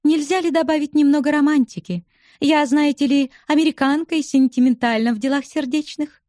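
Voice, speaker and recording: A woman putting on a high teasing young widow. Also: steady tone, fairly quick, warm tone, no echo, studio quality, natural voice. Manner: coquettish, bantering.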